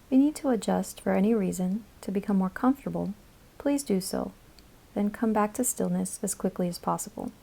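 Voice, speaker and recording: A woman with a medium-pitched, gravelly voice narrates a yoga nidra meditation. Her guidance is calm, soothing, and instructional, delivered in measured phrases with pauses.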